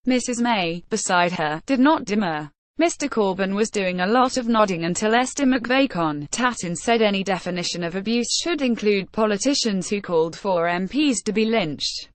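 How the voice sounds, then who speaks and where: A woman's voice: medium pitch, expressive, normal speed, few pauses, no room sound. Woman reading a news column, dry. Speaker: article reader. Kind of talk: read-aloud news column.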